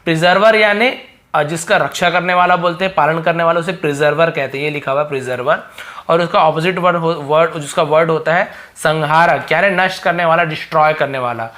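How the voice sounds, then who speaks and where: A male teacher with a slightly high, sharp and bright voice runs his own channel's English lesson. He explains patiently, repeats every word and asks his students questions along the way. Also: brisk.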